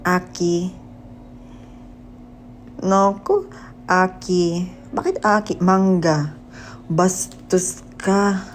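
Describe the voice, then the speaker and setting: A man's voice: sits high, expressive, drawn-out words, long pauses, slight background noise, poor audio. A young man chatting casually on a phone livestream. He teases his viewers playfully and often laughs at himself. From Philippines. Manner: playful, teasing, laughs at himself, mixes Tagalog and English.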